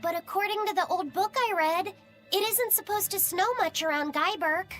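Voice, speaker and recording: A woman plays a shy, earnest young boy in a video game, with a very high voice. He speaks hesitantly and politely over game music. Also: moderate pace, fairly bright tone. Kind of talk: game voice acting.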